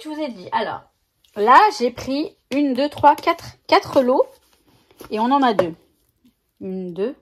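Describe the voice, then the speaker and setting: A woman's voice: fairly high pitch, husky. A woman chatting casually to her viewers as a scrapbooking vlogger, showing new stickers and often correcting herself mid-sentence. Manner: chatty, self-correcting, talks to viewers while handling stickers. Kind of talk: casual haul video chat.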